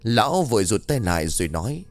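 A man's voice: lowish voice, very animated, fast, soft background music. A man narrating a scripted horror story in a dramatic, vivid storytelling manner.

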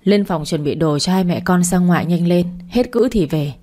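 A woman's voice: lowish voice, normal speed, mellow, close to an everyday voice. A woman voicing an angry young husband who snaps back at his mother in defense of his wife. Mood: exasperated.

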